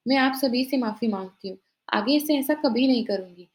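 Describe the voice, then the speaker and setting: A woman's voice: on the high side, normal speed, lightly acted. A woman voicing a greedy, scheming young daughter-in-law who talks sweetly while shifting blame. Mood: pleading.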